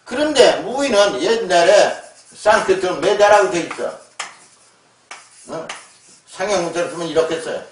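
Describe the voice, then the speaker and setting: A man's voice: high-pitched, animated, moderate pace, pauses often, slight background noise. A man giving an emphatic, scolding lecture, often tagging rhetorical questions onto his points. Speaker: lecturer on word origins. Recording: echoey room, voice far from mic.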